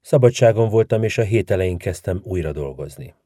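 A man reading the part of a kind older hospital nurse in a storybook, speaking softly and reassuringly with a dry, close sound. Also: low-pitched, lively intonation, no echo. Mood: soothing. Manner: soft, soothing, reassuring. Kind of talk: audiobook reading.

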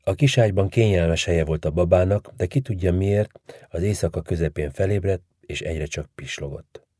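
A man narrating a literary story in a measured, dramatic reading manner. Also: deep voice, dark tone, no echo, studio quality.

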